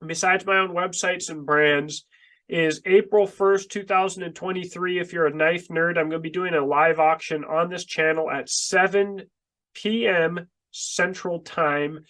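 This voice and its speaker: Sitting close to the mic in a basement workroom, this channel host and small business owner speaks haltingly but with emphasis, his nose congested and his breathing short. It's a casual monologue to camera in a high, steady voice that sounds bright and forceful, captured on poor audio.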